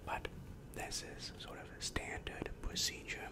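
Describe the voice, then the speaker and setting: Speaking from a small, dark room, a young adult ASMR performer takes on the role of a demon counselor. His mouth sits very close to a large microphone as he whispers soft, unhurried, carefully measured questions with a breathy quality.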